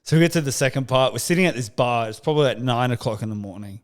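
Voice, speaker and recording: A man's voice: mid-range voice, expressive, fast talker. A man with an Australian accent hosting a podcast, chatting casually and swearing as he tells stories. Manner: swearing, laughing storyteller. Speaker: podcast host. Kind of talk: casual chat.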